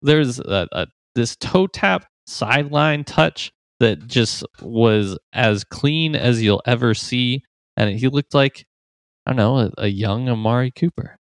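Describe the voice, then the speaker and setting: In a casual sports betting chat, a podcast co-host with a mid-range, animated voice talks about football and betting lines. He's chatty, laughs easily, and gives a quick rundown of stats, all in a dry recording.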